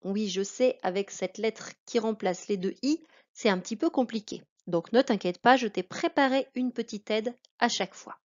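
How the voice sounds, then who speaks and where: A woman's voice: on the high side, normal speed, dull audio. A woman teaching a reading lesson to children, patiently spelling out syllables one by one.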